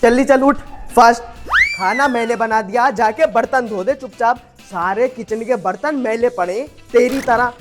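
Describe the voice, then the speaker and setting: A woman's voice: on the high side, normal speed, over music, close to an everyday voice. A woman acting a bossy, threatening mother in a family comedy sketch. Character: bossy mother named Farzana.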